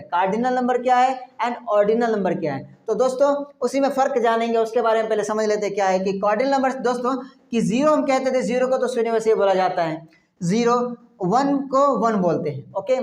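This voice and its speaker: A woman's voice: a little high, a little mellow, roomy sound. A woman with an Indian accent, a native Hindi speaker, teaching a beginners' English lesson. She repeats words again and again and asks her listeners rhetorical questions.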